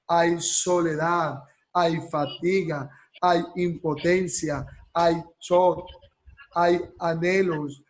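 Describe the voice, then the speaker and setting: A man teaching a counseling course, his voice a little high and husky. He talks at an unhurried pace and drags out the words he wants to land. He often stops to ask the class a question or to check they are with him. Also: poor audio. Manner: slows right down to stress key words. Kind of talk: class lecture.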